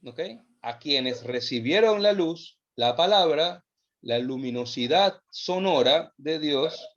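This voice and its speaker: A man teaching a theology class, speaking slowly and with emphasis, repeating phrases as he thinks them through. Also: a little high, animated, lo-fi sound. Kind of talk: lecture. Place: online class session.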